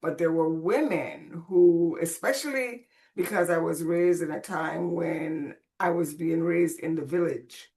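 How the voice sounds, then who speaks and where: As a podcast guest, a woman from the Caribbean, born on Saint Croix, raised in Puerto Rico, and a Spanish speaker from childhood, talks expressively and conversationally about her life. Her lowish, slightly mellow voice moves at a measured pace with few pauses.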